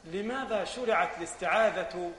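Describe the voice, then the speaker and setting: Egyptian sheikh lecturing in an echoey hall. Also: male voice, high voice, normal speed, slight background noise. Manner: explains by asking questions and answering them himself, then repeats the answer; rises to loud emphatic passages. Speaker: sheikh teaching Islamic jurisprudence. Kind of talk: religious lesson.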